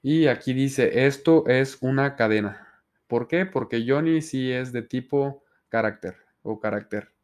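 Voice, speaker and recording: A man's voice: medium pitch, a little slow, darkish tone. A man explaining programming step by step in a tutorial, with fillers. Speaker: programming instructor. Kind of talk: screen-recorded coding tutorial.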